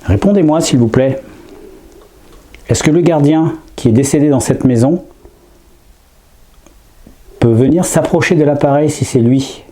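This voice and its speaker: This man's voice is fairly high, unhurried and full of pauses as he hesitantly, quietly calls out to spirits, often trailing off and restarting. Sniffling with a heavy cold, he's a paranormal investigator doing a live ghost-hunting vlog in an empty old house at night.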